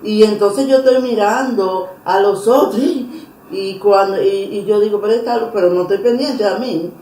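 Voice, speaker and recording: A woman telling her personal religious testimony in an interview, earnest and emotional, pausing and restarting often. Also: mid-range voice, warm tone, slight background noise. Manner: earnest, emotional storytelling with many pauses and restarts. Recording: roomy echo.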